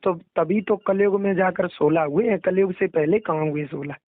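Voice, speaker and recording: A young adult man who tells religious stories speaks casually and deferentially on a phone call, explaining as he goes. His voice is high-pitched at a normal speed, with no room sound, and the recorded call has a narrow, dry quality.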